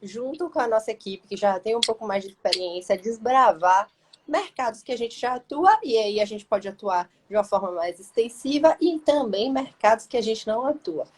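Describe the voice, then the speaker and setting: Slightly high and expressive, with a darkish tone, she talks at normal speed while faint noise sits in the background. Hosting a casual live-stream interview, the Bahian Brazilian lawyer-mentor comes across as affectionate and talkative, her sentences long and winding.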